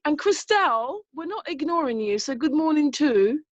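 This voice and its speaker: High-voiced woman on a dull video call. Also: lively intonation, normal speed, no room sound. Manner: effusive and chatty. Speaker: co-host. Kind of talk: casual video-call chat.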